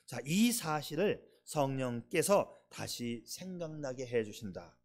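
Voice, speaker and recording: A male pastor preaching a sermon, emphatic, swinging between loud stresses and soft asides, and putting rhetorical questions to the congregation. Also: a little high.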